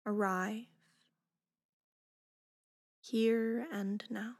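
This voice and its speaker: A fairly high-pitched woman with fairly even intonation talks listeners through a meditation. She gives unhurried, gentle cues in a breathy, soft voice, each phrase ending near a whisper.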